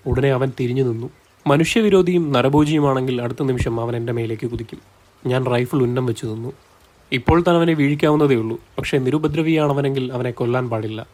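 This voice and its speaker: Fast-reading male storyteller. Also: mid-range voice, a little mellow. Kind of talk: scripted narration of a hunting story.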